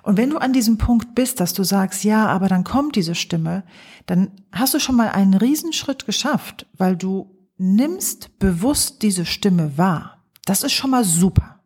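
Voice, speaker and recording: A woman psychologist and coach hosting her podcast, talking gently and thoughtfully with pauses in a calm reflective monologue. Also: mid-range voice, slightly rough. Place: home, early morning.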